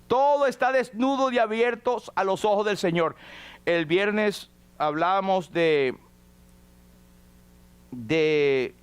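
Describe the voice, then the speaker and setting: A man's voice: sits high, slow pace, long pauses, clean tone. A man preaching a sermon as pastor, acting out quoted prayers and dialogue. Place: church.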